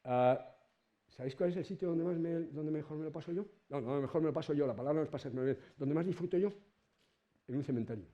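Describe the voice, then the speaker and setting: A middle-aged man with a Spanish accent from Spain, giving an informal lecture to students in a colloquial, animated way and swearing casually. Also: mid-range voice, muffled recording. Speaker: university lecturer.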